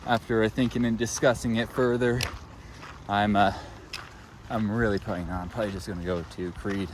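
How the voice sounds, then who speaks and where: Hiking up a mountain trail in light rain, wind and hail, a man talks to his camera for his thru-hiking vlog in a low-leaning voice at a fairly quick clip. Slightly winded, he rambles in a relaxed way, dropping plenty of fillers.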